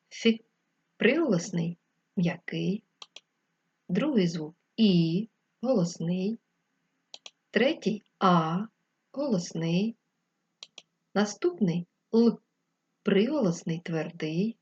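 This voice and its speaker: A woman teacher giving a remote lesson to first graders, talking slowly and clearly to the children. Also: on the low side, animated, highs cut off. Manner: slow, clear dictation addressed to children. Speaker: primary school teacher.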